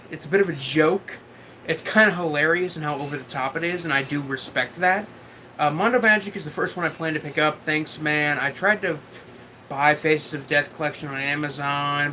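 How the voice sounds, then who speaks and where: A man livestreaming while drunk, chatting casually and haltingly as he answers viewers, often losing his thread and swearing now and then. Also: on the high side, sharp tone, slight background noise, poor audio. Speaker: livestream host.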